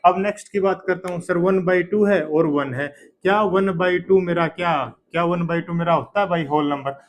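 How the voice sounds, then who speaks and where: A man's voice: high voice, moderate pace. A man in teaching a math lesson, posing questions and answering them himself as his students, often repeating key terms and praising with "very good". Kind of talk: exam-prep math lesson.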